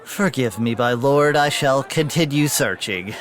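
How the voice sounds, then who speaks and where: An actor playing a nervous, apologetic lackey in a comic fantasy audio drama, flustered and deferential. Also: male voice, mid-range voice, expressive, a little slow, fairly bright tone. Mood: flustered, servile.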